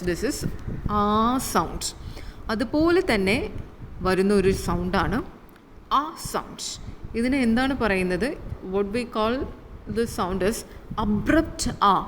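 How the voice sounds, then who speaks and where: A woman with a Malayali accent teaching a phonetics lesson, repeating and drawing out sample words and answering her own questions. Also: medium pitch. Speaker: English teacher. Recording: long reverb, faint room noise.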